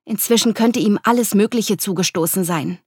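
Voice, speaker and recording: A frightened young woman who has just fled a violent man, her voice choked with held-back tears, as a woman reading the story puts her on. She sounds tense and anxious, pitched higher than the reader's own low, husky voice. The recording is close and dry. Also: measured pace, a little mellow, dry recording. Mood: anxious, tearful. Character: distressed young woman fleeing abuse.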